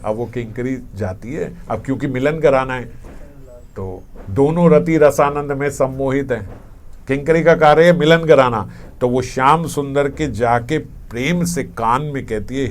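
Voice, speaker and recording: A man giving a devotional scripture discourse, telling a sacred story in a gentle, storytelling way with frequent shifts in loudness. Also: medium pitch, a little hiss or hum. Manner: gentle, storytelling, varies volume often. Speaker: spiritual teacher.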